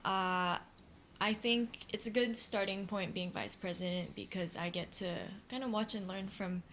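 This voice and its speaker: A young woman from Singapore, talking in a relaxed, upbeat way as an interview guest. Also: mid-range voice, normal speed, a little hiss or hum. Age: young adult. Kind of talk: casual interview.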